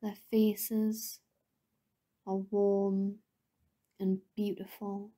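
A female meditation guide speaks in a mellow, gentle, mid-range voice that turns breathy at the ends of phrases. Her intonation is level and her delivery completely flat, with long, unhurried pauses.

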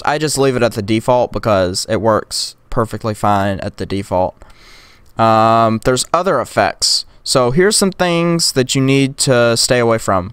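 A man's voice: medium pitch, clean tone, no echo. A young man casually walking through a tech tutorial, rambling with lots of "like" and "um". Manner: rambling, filler-heavy, drops to whispers and yells in demos. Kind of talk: casual screen-recorded tutorial. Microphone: close USB condenser mic.

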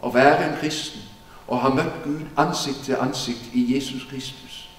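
A man's voice: mid-range voice, fairly even intonation, slight background noise. A man preaching an earnest, emphatic Bible-teaching sermon in a church hall. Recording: echoey church hall from far off.

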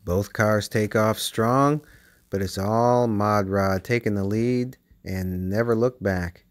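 A man giving play-by-play commentary on toy car races as the channel host, with bursts of excitement at close finishes. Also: fairly low pitch, slow pace. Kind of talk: race commentary. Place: basement with toy race track.

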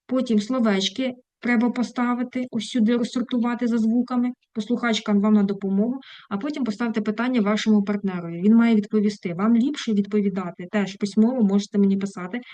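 A woman's voice: fairly high pitch, fairly even intonation, fast, hardly any pauses, mellow, no echo. A woman English teacher giving a casual online lesson, chatty, breaking off mid-thought and turning to her students with fond asides. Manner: chatty, self-interrupting, affectionate asides.

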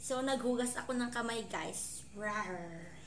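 A woman's voice: a little high, fairly even intonation, a little slow. A woman with a Filipino accent chatting casually as a vlogger, mixing English with Tagalog and starting many sentences with "so.". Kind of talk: casual mukbang vlog chat. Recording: echoey room with clear background noise.

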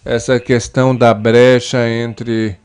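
A man giving a simultaneous interpretation voice-over of a panel discussion, measured and pausing often with fillers and restarts. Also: medium pitch, level tone, darkish tone, clear, resonant tone.

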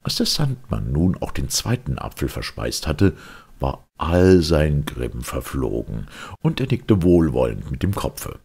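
In no hurry, a male narrator brings a fairy tale to life in an audiobook with dramatic, animated, storybook delivery. His very husky, extremely low voice has a gravelly creak to it.

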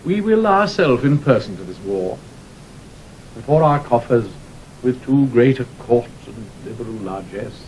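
An actor playing a haughty, mocking young king in a declamatory, classical Shakespearean audio drama style. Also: lightly acted. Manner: declamatory, crisply theatrical, sardonic. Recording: dull vintage 1960 recording, faint rumbling hiss.

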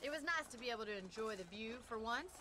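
A woman's voice: a little high, lively intonation, fast, noisy background, natural voice. A woman playing a self-assured young rancher in a western video game, wry, friendly and plainspoken.

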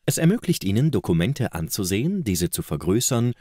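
Male product video narrator: deep, animated scripted promotional read, close and dry. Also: fairly quick, no room sound. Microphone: close studio voice-over microphone.

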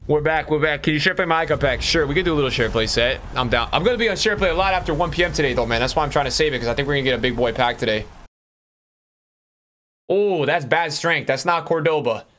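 Higher-voiced young frat-bro streamer guy. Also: expressive, quick pace, fairly bright tone, slight background noise. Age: young adult. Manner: frat-bro slang, calling listeners bro, dude and man. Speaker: game streamer. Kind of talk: casual livestream chat while opening game packs. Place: small room indoors.

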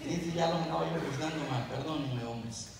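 A man's voice: a little high, moderate pace, creaky, background noise. A man preaching to a congregation in a church hall, telling stories and questioning the crowd. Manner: storytelling, asking the congregation questions. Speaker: Bible teacher. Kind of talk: sermon. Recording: echoey church hall, mic at a distance.

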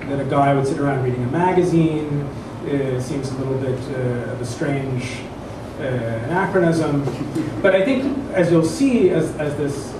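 At a standing mic in an indoor event room, a man of thirty to forty-something introduces a literary reading to an audience informally, pausing and wandering off track while hunting for words. He sounds on the high side. The stand mic captures him from afar, giving an echoey room and audible background noise.

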